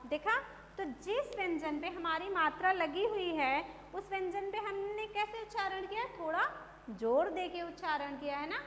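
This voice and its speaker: High-voiced woman teaching in an echoey room. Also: fairly bright tone. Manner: slow drawn-out drilling of words, then brisk explanation. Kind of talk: Hindi phonics lesson for children. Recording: echoey room, faint hum.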